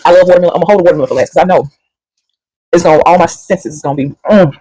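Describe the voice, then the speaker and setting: A woman chats through a food review at home, quick and sassy, rambling from one thought to the next and talking between bites. Her voice is recorded close and dry, with no room sound. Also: fairly low pitch, dark tone, husky, no echo, low-quality recording. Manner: sassy, rambling, talks while chewing. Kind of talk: casual chatty food review.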